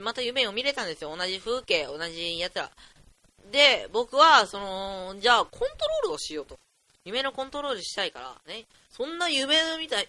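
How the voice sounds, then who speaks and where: A teenage boy of about fifteen hosting a solo podcast, rambling in an excitable, chatty, jokey way at a desk mic. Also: high-pitched. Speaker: podcast host.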